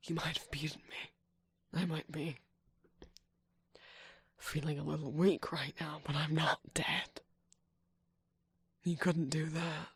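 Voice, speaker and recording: A woman voicing a scheming, manipulative male cookie trickster in an ASMR roleplay, with a breathy whisper and a sly, taunting manner. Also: low voice, flat delivery, slow pace, long pauses, dry recording, full character voice. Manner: taunting, sly, laughs often.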